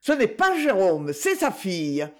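A man's voice: high-pitched, huge pitch swings, a little slow, heavily acted. Man playing a teasing gossip neighbor, calling out. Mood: mocking.

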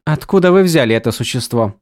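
Мужчина-чтец озвучивает юную гордую принцессу, которая пугается и возмущённо кричит приказы. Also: male voice, lively intonation, fast talker, close to an everyday voice. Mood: indignant. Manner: shrill, commanding outbursts. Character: young princess, proud and easily alarmed.

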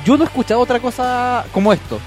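A young man with a Chilean accent, co-hosting a casual radio music chat, relaxed and agreeable. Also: very high-pitched. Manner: relaxed, agreeable, quick interjections. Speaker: radio co-host. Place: radio studio.

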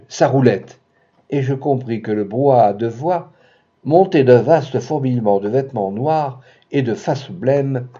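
A man giving a dramatic reading of a literary story, expressive, with sudden loud bursts. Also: mid-range voice, breathy edge, highs cut off.

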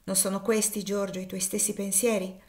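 A woman reading the part of a calm, devout older male host who is steady and kindly, with measured and solemn delivery in an audiobook. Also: medium pitch, natural voice.

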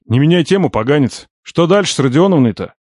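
A man voicing a shrewd, teasing older uncle who pries bluntly with nosy questions, in a raised, lively voice. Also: a little high, quick pace, no room sound, studio quality, voice pushed up. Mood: pressing.

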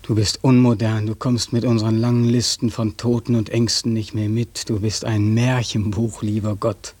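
A bitter young war veteran in a radio play, accusing and mocking, sometimes whispering. His voice is dark and husky, recorded close and dry. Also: on the low side, little pitch movement, moderate pace, no echo.

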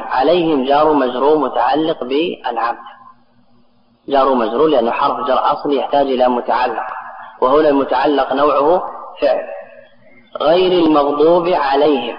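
A man giving a classroom grammar lesson to students, explaining step by step and putting questions to the class. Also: mid-range voice. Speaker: grammar teacher. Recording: echoey, dull lo-fi recording with a crowd behind.

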